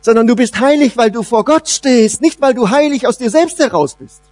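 A man preaching a sermon, swinging between loud emphasis and soft, low asides. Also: normal speed, no room sound. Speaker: pastor.

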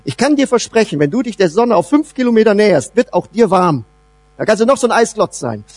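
A man preaching a sermon, swinging between loud emphasis and soft, low asides. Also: big pitch swings, fairly quick, dry recording. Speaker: pastor.

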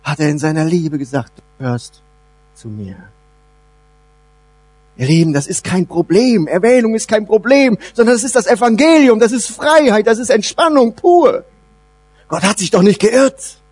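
A man preaching a sermon, swinging between loud emphasis and soft, low asides. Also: normal speed, slightly rough, no room sound. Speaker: pastor.

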